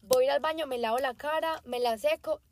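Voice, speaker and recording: A woman's voice: sits high, brisk, dry recording. A woman co-hosting a podcast in a casual, chatty way, full of fillers and speaking straight to her listeners. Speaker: podcast co-host.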